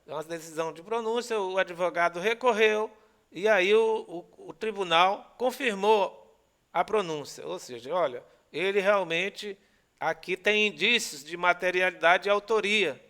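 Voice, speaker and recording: A man's voice: sits high, normal speed, bright, forceful tone, clear, resonant tone. A man with a Brazilian accent giving a recorded law lecture, explaining step by step and checking in with students often. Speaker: law teacher.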